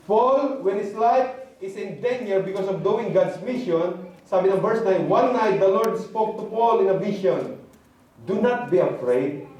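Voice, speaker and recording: A man's voice: high-pitched, darkish tone. A male pastor delivering a sermon, switching between Tagalog and English and acting out the words of God and Bible figures with sudden rises and drops. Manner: preaching in mixed Tagalog and English, voicing God and prophets dramatically. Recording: echoey hall from far off, faint ambience.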